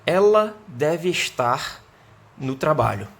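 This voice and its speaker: A Brazilian man teaching an English grammar lesson online. He explains patiently, keeps asking "né?" and "certo?", and slows down to model the English sentences. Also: on the high side, very animated, creaky, fairly bright tone. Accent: Brazilian Portuguese.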